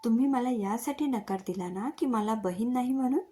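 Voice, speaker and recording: A woman's voice: fairly high pitch, normal speed, mellow, lightly acted. A woman voicing a puzzled, direct young woman in a read-aloud story. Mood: questioning.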